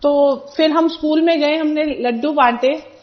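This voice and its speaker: A woman's voice: sits high, a little slow. A woman, giving an earnest personal testimony as a devotee and acting out the people she quotes. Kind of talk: personal testimony at a religious gathering. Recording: dull lo-fi recording.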